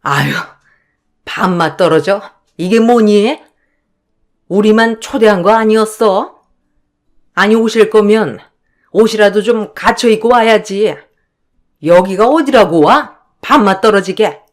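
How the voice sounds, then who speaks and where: A snobbish middle-aged mother-in-law, played by a woman in a radio drama, talking down at everyone with sneering contempt. Her delivery is slow and drawn out. Her pitch sits in an ordinary middle range. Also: lightly acted. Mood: disgusted.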